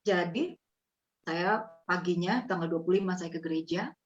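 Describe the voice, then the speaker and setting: Speaking at normal speed in a fairly low voice, a woman from East Java, Indonesia, earnestly shares her heartfelt testimony with a host. She addresses him as "Pak," and the audio is slightly muffled.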